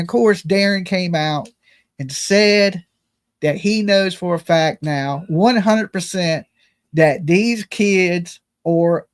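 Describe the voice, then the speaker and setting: A man with a high voice hosts a casual livestream show. He speaks in slangy, folksy language and jokes at his own expense as he delivers his commentary. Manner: folksy, joking, self-deprecating, slangy. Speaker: host of a live true-crime commentary and call-in show.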